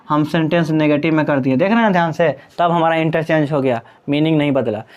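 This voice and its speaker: A man teaches an English grammar lesson in Hindi, with a voice that sits somewhat high for a man. He is patient and repeats each point, asking the class again and again whether they follow. He dictates examples slowly, word by word. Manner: addresses students fondly as "Babu".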